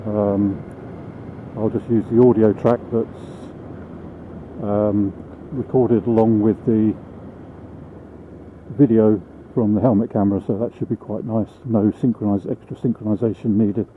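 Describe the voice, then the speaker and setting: A man's voice: on the low side, fairly even intonation, measured pace, pauses often. Tinny British man talking inside a helmet. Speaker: motorcycle vlogger. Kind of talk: casual vlog monologue while riding. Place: inside a helmet on a moving motorbike, outdoors. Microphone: small microphone mounted inside the helmet. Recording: phone-like helmet microphone, clear vehicle noise. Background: vehicle and road noise.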